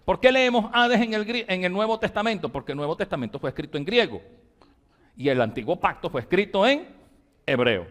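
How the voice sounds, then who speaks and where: Emphatic Venezuelan pastor teaching Bible study. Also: male voice, sits high, big pitch swings, brisk, fairly bright tone. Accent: Venezuelan Spanish. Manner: repetitive, emphatic, dictating terms to a congregation.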